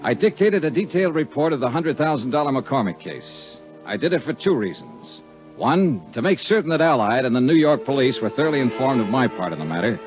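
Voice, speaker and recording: An actor voices a tough, dry insurance investigator in a 1950s radio detective drama, handling both matter-of-fact narration and dialogue. His medium-pitched voice is sing-song and fairly quick, lightly acted. The recording is dull, typical of 1950s radio, with music playing behind.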